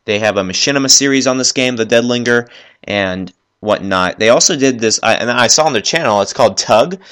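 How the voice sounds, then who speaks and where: A man hosting a solo gaming podcast, talking fast and enthusiastically in a rambling, off-the-cuff way while working at his computer. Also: mid-range voice, fairly bright tone, clear, resonant tone. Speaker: podcast host.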